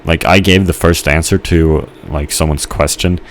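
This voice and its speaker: A man's voice: low voice, steady tone, normal speed, slight background noise. A man casually rambling while playing a game, hesitant, with many fillers and restarts. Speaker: gamer narrating his gameplay.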